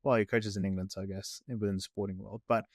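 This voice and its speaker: A man's voice: fairly low pitch, steady tone, a little mellow, dry recording, studio quality. A man hosting a podcast interview in casual chat, rambling and correcting himself as he goes. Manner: rambling, self-correcting, pace swings between slow and quick. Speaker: podcast host.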